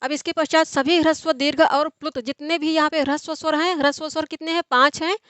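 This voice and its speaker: A woman's voice: high-pitched, fairly even intonation, fast talker, fairly bright tone, no room sound. A young woman tutoring for an exam in an online lecture, explaining step by step and answering her own questions. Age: young adult.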